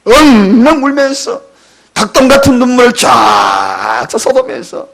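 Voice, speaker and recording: A man in his fifties, a pastor preaching a sermon in a church, dramatic and emotional, with sudden loud outbursts and tearful cries. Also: very high voice, sing-song, slow, background noise. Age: 50s. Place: church sanctuary.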